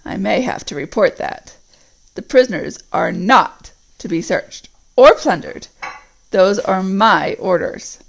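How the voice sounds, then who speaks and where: A woman plays a scheming orc messenger who speaks softly but with venom. The voice is quieter than the others and sneers, with a gravelly rasp. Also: medium pitch, animated, slow pace, exaggerated voice, low-quality recording. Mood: sneering. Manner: soft, sneering and menacing.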